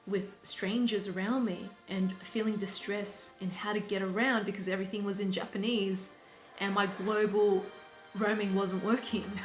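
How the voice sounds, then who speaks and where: A woman life coach speaking reflectively to her audience, in a slow, deliberate and gently instructive way. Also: mid-range voice. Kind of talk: reflective talk to camera. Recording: roomy sound with faint background music.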